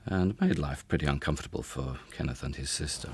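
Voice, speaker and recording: Very deep gravelly man. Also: brisk, a little hiss or hum. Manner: considered, storytelling. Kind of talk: documentary interview.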